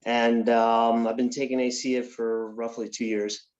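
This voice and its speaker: Flat-voiced man in his thirties, hesitant. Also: mid-range voice, unhurried. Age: 30s. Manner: hesitant, lots of fillers. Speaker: panel guest, athlete. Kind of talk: casual answers on a video call. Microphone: video call. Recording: dull lo-fi call audio.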